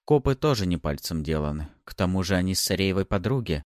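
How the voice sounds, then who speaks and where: A man narrating an audiobook in first person, expressive and shifting into character voices. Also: deep voice, quick pace, no echo, studio quality.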